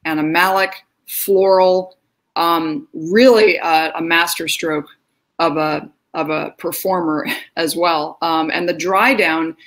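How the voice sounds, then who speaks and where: A woman's voice: low voice, steady tone, slow. A woman talking as a guest in casual conversation, effusive and descriptive, with many hesitations. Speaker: guest fragrance reviewer.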